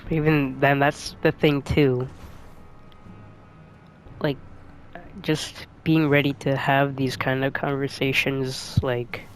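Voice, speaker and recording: A man's voice: medium pitch, little pitch movement, slow pace, pauses often, slight background noise. A young man talking over a game he plays, musing hesitantly with many fillers and restarts. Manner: hesitant, full of "like" and restarts, soft-spoken. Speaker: gaming streamer. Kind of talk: rambling commentary while playing a game.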